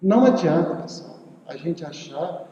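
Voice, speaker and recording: A man's voice: a little high, animated, measured pace, dark tone, lo-fi sound. A Brazilian man in his fifties giving an earnest spiritual lecture, repeating words for emphasis. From southern Bahia, Brazil. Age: 50s. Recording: echoey hall with long reverb.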